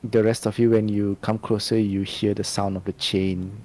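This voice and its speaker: A man, narrating a tabletop game as game master in a loose, halting way. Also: lowish voice, little pitch movement, dark tone.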